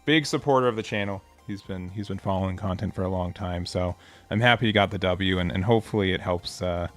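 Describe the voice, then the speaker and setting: A man's voice: deep voice, fairly quick, soft background music. A man hosting a live card game tournament stream, commentating casually in a laid-back, rambling way with self-mocking asides.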